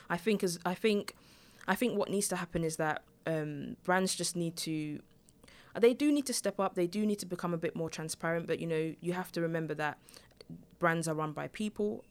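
A woman of twenty-six, a podcast guest, talking through her views with frequent restarts and hesitations. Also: deep voice. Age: 20s. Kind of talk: panel discussion.

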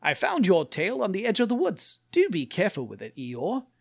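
A man's voice: high-pitched, wildly swooping pitch, moderate pace, gravelly, dry recording, studio quality, pitched above the performer's own voice, heavily acted. A prim, well-spoken little boy, as a man puts him on, chides in a raised, proper voice. He sounds fussy and a little superior. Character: posh prim young boy.

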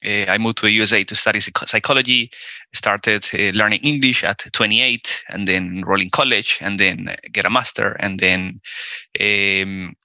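A man's voice: lowish voice, steady tone, normal speed, pushed and bright, no echo. A man in his forties from Colombia with a Colombian Spanish accent, a Spanish native speaker talking as a guest in an interview, hesitant, with many fillers and restarts. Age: 40s. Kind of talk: casual interview conversation.

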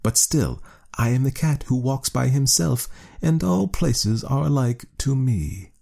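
A man voicing a proud, independent cat in a storybook reading, in a measured, formal cadence. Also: mid-range voice, expressive, creaky, dark tone, voice pushed up. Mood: sly. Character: aloof male cat, sly and self-satisfied.

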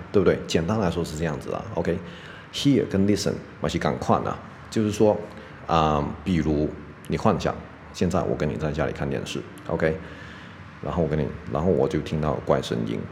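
Low-voiced man teaching English. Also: a little mellow, a little hiss or hum. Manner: explains patiently, peppers speech with "OK". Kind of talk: podcast language lesson.

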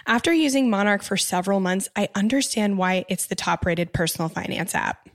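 A woman reads an ad testimonial in a plain, mid-pitched voice. Her delivery is even and conversational, like a satisfied customer. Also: brisk. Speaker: ad testimonial speaker. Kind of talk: scripted testimonial read.

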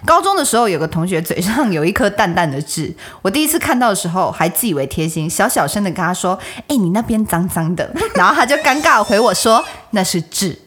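A woman's voice: mid-range voice, fast talker, hardly any pauses, breathy edge. A young woman with a Taiwanese Mandarin accent, co-hosting a casual chat podcast and acting out the lines she quotes. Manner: animated, acts out quoted lines. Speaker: podcast co-host. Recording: steady background noise.

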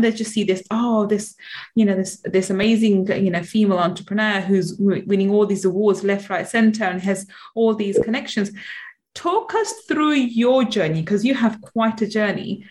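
A woman's voice: medium pitch, moderate pace, a little mellow. A woman hosting a podcast interview, talking in an effusive, gushing way. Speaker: podcast host.

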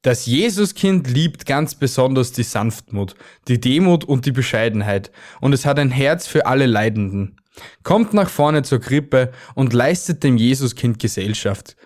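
A gentle archangel , played by a man, speaks in a friendly, encouraging way, his pitch rising and falling in lively swings. It sounds like a warm figure in a children's storybook. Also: unhurried, natural voice. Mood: joyful. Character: kind, caring male archangel.

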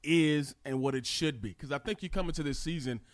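A man's voice: a little high, fairly quick, no echo. Earnest American man breaking down football. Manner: earnest, explains in long runs. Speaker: podcast co-host, former player. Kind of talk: casual sports podcast chat.

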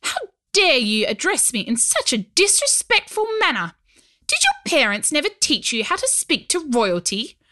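A woman's voice: fairly high pitch, animated, normal speed, pushed and bright. A woman voicing a haughty, scornful young princess in a storybook reading.

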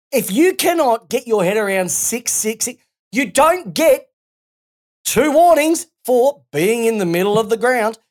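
A woman's voice: fairly high pitch, darkish tone. A woman with an Australian accent co-hosting a casual sports podcast, ranting and swearing freely. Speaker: podcast co-host.

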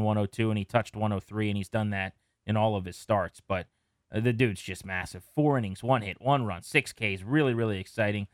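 A man with a fairly low voice co-hosts a casual sports podcast. He is chatty and relaxed as he runs through stats, and the sound is dry and close. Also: clean tone, no echo. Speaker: podcast co-host.

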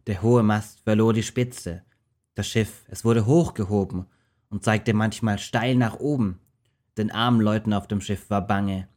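Man, storyteller, rhymed verse reading, steady rhythm, low warm voice.

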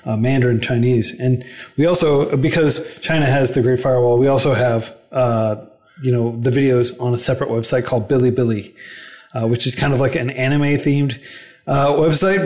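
A man's voice: mid-range voice, fairly even intonation, moderate pace, darkish tone. A man on a podcast as a guest, explaining things earnestly in a casual interview, speeding up in bursts and leaning on fillers. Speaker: podcast guest, non-profit founder.

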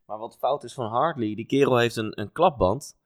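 A man co-hosting a podcast in relaxed, casual chat, pausing often with fillers. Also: medium pitch, dry recording, studio quality. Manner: relaxed, hesitant with many fillers. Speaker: podcast co-host. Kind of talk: casual chat about motor racing.

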